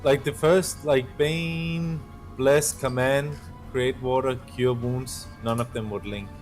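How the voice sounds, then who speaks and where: A man's voice: mid-range voice, steady tone, slow pace, a little mellow, soft background music. A man playing a tabletop game, chatting casually and rambling with lots of fillers. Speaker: player. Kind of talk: casual chat.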